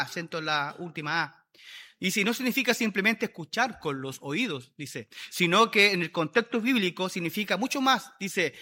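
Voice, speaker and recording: A man's voice: sits high, sharp tone. A man preaching a sermon, emphatic and repeating his key phrases for weight.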